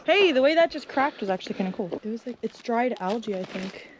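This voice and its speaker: A woman's voice: a little high, animated, quick pace, background noise. A woman talking in a playful, teasing way while hiking a trail outdoors with her cousin. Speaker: vlogger's cousin and hiking companion. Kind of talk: casual chat on a hike.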